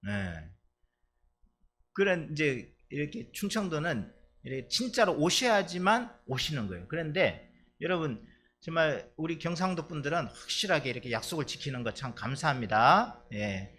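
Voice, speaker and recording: A man's voice: on the high side, big pitch swings, normal speed, fairly bright tone, slight background noise. A male pastor from Chungcheong preaching a sermon in a church, chatty and playful with the congregation. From Chungcheong, Korea. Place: church sanctuary.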